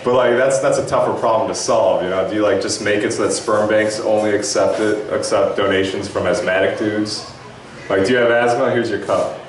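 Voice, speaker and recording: A young man doing a stand-up set with a laid-back, halting delivery full of fillers. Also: fairly low pitch, fairly even intonation. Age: young adult. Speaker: stand-up comic. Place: club stage. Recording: echoey room from far off.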